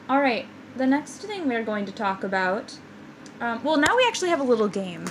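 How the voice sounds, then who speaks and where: A woman's voice: on the high side, big pitch swings, noisy background. A woman co-hosting a podcast in casual, teasing banter. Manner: teasing, playful, quick banter. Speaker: podcast co-host. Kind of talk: casual chat.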